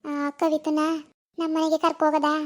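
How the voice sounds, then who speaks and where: A woman's voice: high-pitched, completely flat delivery, a little slow. A woman voicing a firm, caring middle-aged village woman in a cartoon, consoling and persuading. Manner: firm, consoling, a little bossy. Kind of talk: cartoon voice acting.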